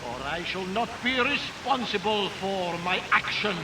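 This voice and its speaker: A man's voice: high voice, a little slow, background noise. A man playing a mad old villain in a video game, theatrical, gloating and threatening. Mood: gloating, menacing. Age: older. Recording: echoey, distant, under loud music.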